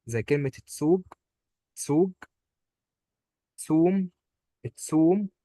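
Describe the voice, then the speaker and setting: A man's voice: on the high side, animated, takes it slowly, mellow, no room sound, studio quality. Egyptian man patiently drilling pronunciation. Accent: Egyptian Arabic. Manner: patient, drills words by repeating them. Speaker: German language teacher. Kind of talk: one-on-one pronunciation lesson.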